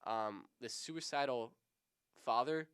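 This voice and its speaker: A man's voice: medium pitch, slow pace, fairly bright tone, clean tone. A man in his twenties co-hosting a podcast, chatting casually in a rambling, laid-back way. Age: 20s. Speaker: podcast co-host. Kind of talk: casual chat.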